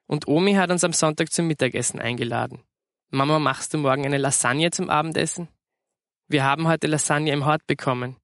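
A man's voice: a little high, a bit bright, no room sound, clean studio sound. A man voicing a chatty, demanding schoolgirl who pleads and hops between topics in a storybook reading. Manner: rapid topic-hopping pleading.

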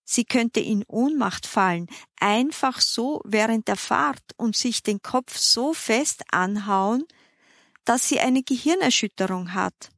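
A woman's voice: fairly high pitch, lively intonation, no echo, studio quality, heavily acted. Frantic fussy older lady, as a woman reads her. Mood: alarmed. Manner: anxious rapid questioning.

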